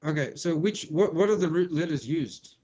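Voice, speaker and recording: Higher-voiced man debating on a dull call. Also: moderate pace, mellow, husky. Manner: interrupting, answers with counter-questions. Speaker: caller debating the host. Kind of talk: heated live debate.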